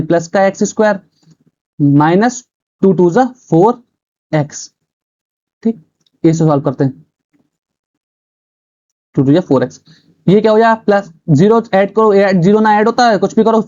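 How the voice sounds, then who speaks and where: A man's voice: sits high, normal speed, pauses often, a little mellow, muffled recording. A man teaching a math class step by step, asking and answering his own questions as he works each problem. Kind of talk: chalkboard math lesson.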